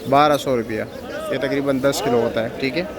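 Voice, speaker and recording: The vlogger, a man with a Pakistani accent, talks at normal speed with a medium-pitched, steady voice as he asks vendors about prices and repeats the numbers back. Birdsong and the chatter of a busy crowd at the outdoor wholesale vegetable market surround him.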